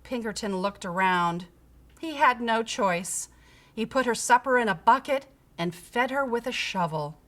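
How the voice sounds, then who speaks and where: Female storybook narrator: slow, deliberate, theatrical delivery with very lively pitch and bright tone. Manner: theatrical, deliberate, dramatic emphasis. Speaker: storybook reader. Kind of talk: expressive children's picture book narration.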